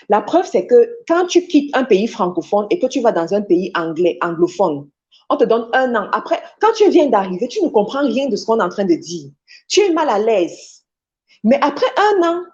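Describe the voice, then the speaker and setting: Mellow woman preaching in muffled audio. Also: mid-range voice. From Cameroon. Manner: exhorting, repetitive, addresses listeners directly. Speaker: preacher and motivational speaker. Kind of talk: motivational sermon. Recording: dull lo-fi recording.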